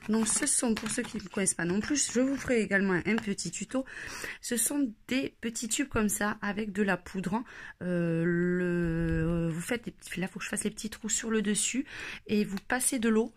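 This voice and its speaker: A woman's voice: medium pitch, normal speed. A woman chatting casually through a craft shopping haul, with many hesitations. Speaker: craft vlogger.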